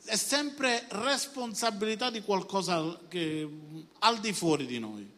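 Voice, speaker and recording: A pastor with a high voice delivers a sermon in a church hall, and the long reverb rings around his words. He swings from quiet stretches into sudden loud bursts. He keeps checking in with his congregation. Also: lively intonation, slow pace.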